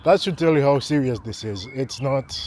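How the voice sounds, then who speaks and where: A man vlogging while he walks through a neighborhood at night, talking in a slow, halting way and repeating words as he goes. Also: medium pitch, animated, a little mellow, a little hiss or hum. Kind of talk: casual walking vlog talk. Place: outdoors on a neighborhood street at night. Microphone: handheld camera mic while walking.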